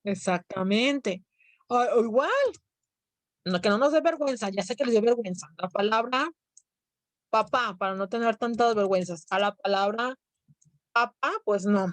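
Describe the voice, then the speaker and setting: A woman's voice: on the high side, no room sound. A woman teacher with a Mexican accent lecturing a class, explaining step by step and often checking in with her students. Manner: explanatory, asks students questions.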